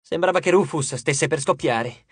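A man narrating an audiobook in an expressive storytelling manner, close to the mic. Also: fairly high pitch, normal speed, slightly rough, dry recording. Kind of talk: scripted narration.

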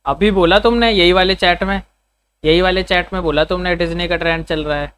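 A man livestreaming and bantering with his chat, with a sore, hoarse throat and a teasing, foul-mouthed manner. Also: high-pitched, fairly even intonation, a bit bright. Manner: teasing, swears freely, quick comebacks. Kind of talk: casual live stream banter.

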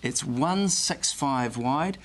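A New Zealand man with a mid-pitched voice presents shop goods casually and enthusiastically, like a retailer chatting through his specials. There is some background ambience and noise. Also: lively intonation, slow, a bit bright.

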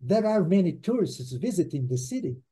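Male teacher, higher pitch, very mellow tone; patient drill style, constant check-ins. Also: very animated, moderate pace, breathy edge. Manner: patient, repeats words for drilling, keeps checking in with the class. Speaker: English teacher. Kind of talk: online English class in Portuguese.

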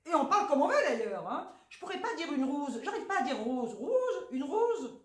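Very animated and a little fast, this woman's high, fairly bright voice carries a southern French accent. She's a vlogger doing a casual grocery haul, frank and cheeky with plenty of swearing, and the recording has a noticeable echo.

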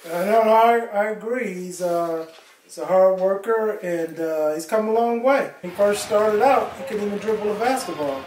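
Father, very high voice, slow hesitant talk, echoey living room. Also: a little mellow, slight background noise. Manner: measured, hesitant with fillers. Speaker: player's father. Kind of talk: interview. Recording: roomy, distant mic.

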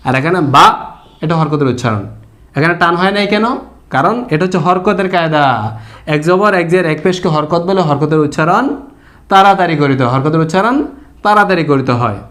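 কুরআন পড়া শেখানো এক পুরুষ শিক্ষক, যিনি ধৈর্য ধরে ব্যাখ্যা করেন, একই কথা বারবার বলেন এবং প্রশ্ন করে নিজেই উত্তর দেন।. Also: male voice, a little high, fast, a bit bright. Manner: explains patiently, repeating points and asking rhetorical questions. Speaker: Quran reading teacher. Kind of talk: lesson.

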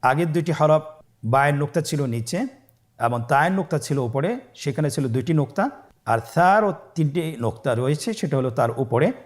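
A man teaching Arabic letters in a patient, step-by-step lesson. He drills each letter with long, drawn-out sounds for learners to repeat and adds soft praise after each round. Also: fairly high pitch, expressive. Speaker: Quran reading teacher.

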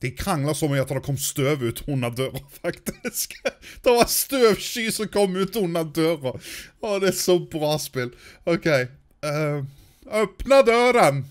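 A Norwegian man chatting casually through a let's-play, talking to his game characters and getting excitable. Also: fairly high pitch. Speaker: gaming YouTuber.

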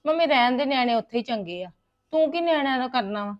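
A woman's voice: sits high, expressive, lo-fi sound. An actress playing a married daughter venting to her mother about her in-laws in a domestic drama. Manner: aggrieved, rapid complaining. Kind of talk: domestic web drama acting.

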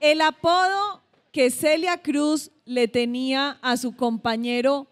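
A woman co-hosting a TV game show, reading quiz questions in a measured, clear way. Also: high-pitched, fairly even intonation.

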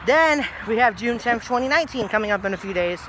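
A man's voice: extremely high pitch, animated, quick pace, background noise. A young man in his twenties talking casually to his phone at arm's length outdoors, rambling and easily sidetracked. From New Jersey. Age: young adult. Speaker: vlogger. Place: outdoors by a brick house in a grassy yard. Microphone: phone held low at arm's length.

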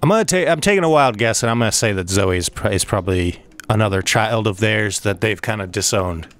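Profane, excitable let's play man. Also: lowish voice, brisk. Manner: profane, excitable, rambling, with frequent outbursts. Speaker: gaming video host.

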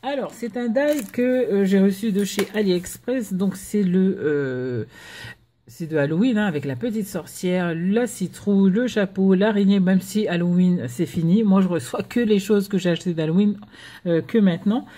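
Woman, quiet voice, mellow, casual chat, many fillers, home vlog. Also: mid-range voice, normal speed. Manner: chatty, hesitant with many fillers; talking softly while children nap. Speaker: crafting vlogger.

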